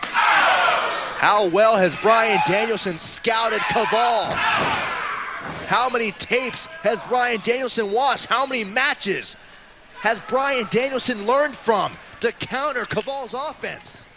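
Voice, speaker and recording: A man doing excited play-by-play wrestling commentary with emphatic, exclamatory calls and dramatic repetition. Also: very high voice, takes it slowly. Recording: loud arena crowd noise behind. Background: roaring wrestling crowd.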